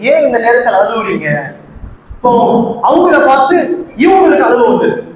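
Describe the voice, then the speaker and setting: Give me a high-voiced man preaching a sermon in a very echoey hall. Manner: impassioned, often shouting, reciting Arabic verses slowly then explaining. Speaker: Islamic preacher. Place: large hall with audience.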